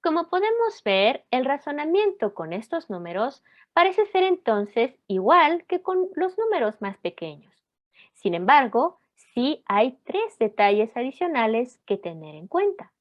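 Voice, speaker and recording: A woman giving a scripted lesson narration, explaining in a measured, clear way and reading examples slowly. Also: sits high, big pitch swings, lo-fi sound. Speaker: language teacher.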